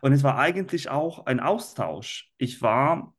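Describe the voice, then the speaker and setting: An Italian language teacher appears as a guest on a relaxed podcast, speaking with an Italian accent in a medium-pitched voice. He talks very slowly and hesitates often while he hunts for the right phrase.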